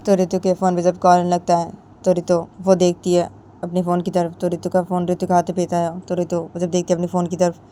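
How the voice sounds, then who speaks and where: A woman's voice: on the low side, completely flat delivery, brisk, mellow, a little hiss or hum. A woman narrating a romantic story in a plain, repetitive storytelling manner.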